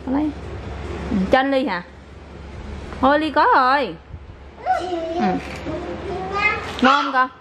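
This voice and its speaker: A woman's voice: sits high, a little slow, long pauses. A young mother filming a casual family vlog at home, playfully coaxing and praising her children as they eat. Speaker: mother and vlogger. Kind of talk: casual family vlog, talking to kids and viewers. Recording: loud background noise.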